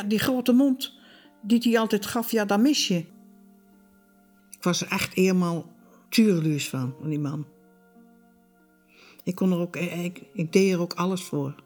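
Wistful older woman, plain-spoken. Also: on the low side. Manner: plain-spoken, wistful, drops to a near-whisper at times. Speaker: interviewee, widow. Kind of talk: candid documentary interview.

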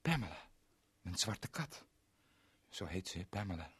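A man reading a first-person children's story aloud, playful, dropping to whispers and rising to loud exclamations. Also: low voice, big pitch swings, a little slow, slightly rough, no room sound.

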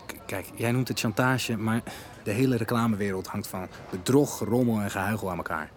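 A man in film dialogue, first hesitating through a voicemail full of fillers, then talking bluntly and forcefully. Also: fairly low pitch, brisk. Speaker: caller leaving a voicemail, then conversation partner.

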